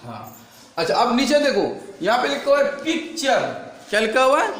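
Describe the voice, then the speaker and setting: A man teaching a classroom lesson, spelling words out slowly and drilling his students with repeated questions. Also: extremely high pitch, big pitch swings, a bit bright. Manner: slow, drawn-out spelling. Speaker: English teacher. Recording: echoey room with faint noise.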